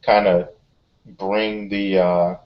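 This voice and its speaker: Male gamer, deep voice, casual, deliberate, explanatory, tabletop game, muffled lo-fi recording. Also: flat delivery. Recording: dull, lo-fi sound.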